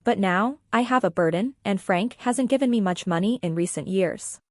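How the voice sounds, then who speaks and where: A woman's voice: mid-range voice, normal speed, darkish tone, no room sound, studio quality, lightly acted. A woman voicing a bitter, vengeful young woman in an audiobook story, with an accusing, resentful manner.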